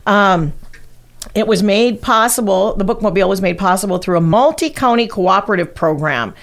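A woman's voice: mid-range voice, expressive, normal speed. A middle-aged woman, hosting a casual history podcast and rambling through her notes with fillers and restarts. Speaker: podcast host presenting local history. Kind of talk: casual chat.

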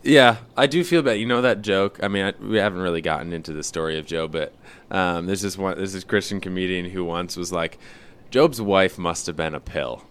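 Young male co-host, low clear voice, loose joking church-podcast chat. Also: brisk. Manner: relaxed, jokey, full of fillers. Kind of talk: casual chat about Scripture.

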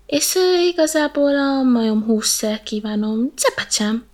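A woman voicing a sly, hungry male snake in a storybook reading, slow and drawn-out with a hissing lisp. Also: sits high, expressive, a little mellow, pitched above the performer's own voice.

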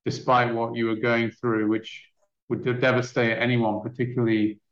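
A man's voice: medium pitch, little pitch movement, moderate pace. A man co-hosting a podcast, speaking earnestly and repeating words as he gathers his thoughts. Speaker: co-host. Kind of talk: podcast conversation. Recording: roomy, dull lo-fi sound.

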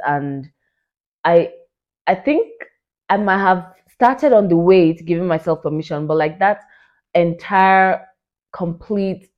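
A young woman in her late twenties hosts a solo podcast with excited, chatty energy. She pitches her voice fairly low and scatters "like" and "you know" through her talk. The recording sounds dull and lo-fi. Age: 20s. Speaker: podcast host.

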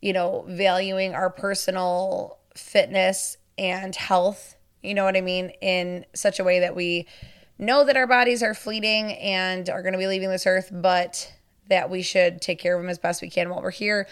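A woman's voice: lowish voice, little pitch movement, moderate pace, clear, resonant tone. Chatty woman podcast host. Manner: chatty, self-deprecating, frequent "you know" asides. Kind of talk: casual podcast Q&A.

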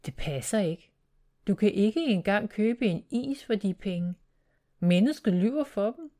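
A woman's voice: medium pitch, animated, dark tone, lightly acted. A woman reading the part of an earnest young girl in a storybook tale, speaking urgently. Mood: urgent whisper.

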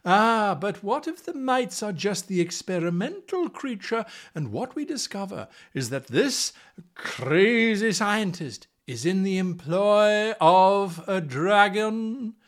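A man's voice: sits high, slow pace. A man hosting a podcast, talking enthusiastically about running tabletop games, slipping into playful accents now and then. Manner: animated, slips into playful put-on accents. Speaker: podcast host giving game master advice. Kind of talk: enthusiastic solo podcast talk.

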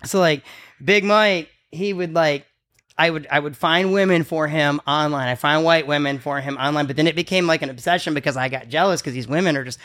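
A man's voice: a little high, steady tone, a little fast, a bit bright. Crude, rambling man in his forties. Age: 40s. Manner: crude, profane, rambling anecdotes. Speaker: podcast host. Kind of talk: casual comedic storytelling.

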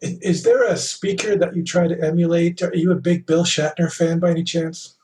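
A male podcast host speaking in a measured, reflective way, leaning on fillers as he thinks aloud. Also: fairly high pitch, steady tone, a little mellow, recorded from a distance, slight background noise. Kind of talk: podcast interview.

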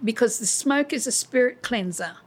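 Middle-aged woman, higher-pitched voice. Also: lively intonation, normal speed. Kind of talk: conversational interview discussion.

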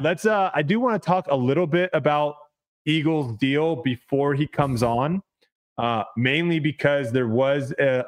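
Rambling male podcast host. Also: mid-range voice. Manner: rambling, repeats words, laughs easily. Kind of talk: casual podcast chat with ad read.

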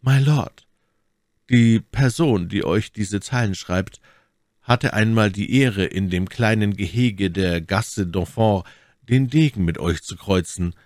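A man voicing a refined musketeer in an audiobook reading, reading a letter carefully and softly. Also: fairly low pitch, slow, no echo, clean studio sound.

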